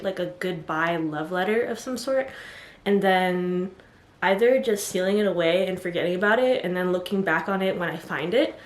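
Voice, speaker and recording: Woman, casual vlog chat, rambling, lots of fillers, slightly breathless, roomy echo. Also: mid-range voice. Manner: rambling, chatty, many "like" fillers, apologetic asides. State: a bit out of breath. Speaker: vlogger giving self-love advice. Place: indoor room, standing before the camera.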